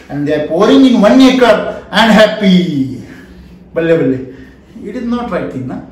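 Man, Indian accent, high voice, emphatic interactive lecture, repeated key phrases, strong room echo. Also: slight background noise. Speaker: trainer, lecturer. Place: small wood-panelled indoor training room. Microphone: camera a few feet away. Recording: very echoey room, mic at a distance.

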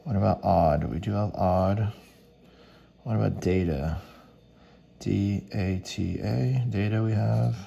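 A man's voice: fairly low pitch, slow, vocal fry, long pauses, warm tone. A man giving casual running commentary as he works, muttering to himself in short fragments and spelled-out letters. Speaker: host of a scratch ticket video.

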